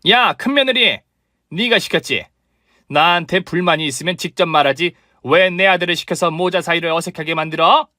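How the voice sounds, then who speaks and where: A man's voice: mid-range voice, normal speed, pushed and bright, dry recording, natural voice. A domineering older mother-in-law, voiced by a male reader, barking orders and scolding in a commanding tone. The reading is dry and close, in a storybook drama. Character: bossy newly rich older mother-in-law, haughty and scolding.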